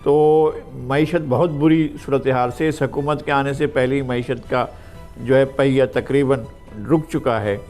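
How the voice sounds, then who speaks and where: An older man from Pakistan, speaking as a political commentator on a TV panel in a measured way, pausing often with drawn-out fillers. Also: mid-range voice, fairly even intonation, darkish tone, soft background music. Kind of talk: TV panel discussion.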